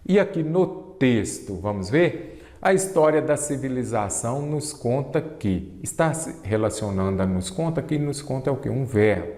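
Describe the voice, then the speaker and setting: A man teaching a Portuguese exam-prep grammar lesson, explaining emphatically and drawing out key terms slowly. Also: medium pitch, animated, mellow. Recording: echoey, reverberant room.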